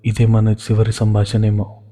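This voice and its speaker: Storybook figure: a pleading young woman, as a male narrator reads her, low and monotone, with long reverb. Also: a little slow. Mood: tearful. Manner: pleading, tearful. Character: frightened young woman in love.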